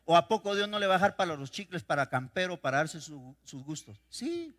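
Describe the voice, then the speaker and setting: A male pastor preaching a sermon, swinging between loud declarations and quiet storytelling. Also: fairly high pitch, sing-song, fairly quick. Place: church sanctuary. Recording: reverberant church hall.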